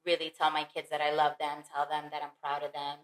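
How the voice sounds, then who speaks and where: A woman's voice: sits low, monotone, brisk. A woman on a family podcast, speaking earnestly and reflectively in casual, heartfelt talk. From the Bronx, New York. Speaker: mother and podcast guest. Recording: roomy echo.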